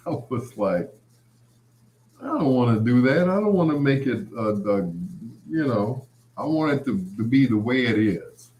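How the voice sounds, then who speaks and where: This late-night host speaks in a mid-range, expressive voice, slowly and with frequent pauses, his tone a little mellow. His monologue is casual, rambling and conversational, full of anecdotes and quoted past exchanges, captured with a roomy, echoing sound.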